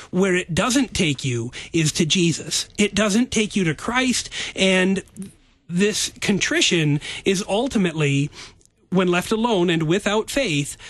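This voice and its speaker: Male pastor guest, high-pitched, teacherly, dry studio sound. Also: fairly bright tone, dry recording, low-quality recording. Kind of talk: theological explanation on radio.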